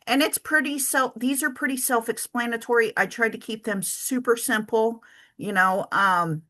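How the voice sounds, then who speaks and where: Slow, bright-voiced woman walking through spreadsheets. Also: medium pitch. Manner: chatty, thinks aloud with many ums and self-corrections. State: has the hiccups. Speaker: travel business owner teaching spreadsheets. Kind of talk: casual screen-share tutorial.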